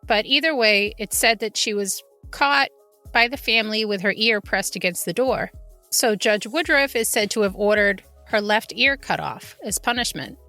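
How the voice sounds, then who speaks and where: Woman podcaster telling spooky history casually, bright clear-cut voice, faint music under it. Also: mid-range voice, expressive, normal speed. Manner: casual, informal asides. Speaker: podcast host. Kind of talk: semi-scripted true haunting storytelling, conversational.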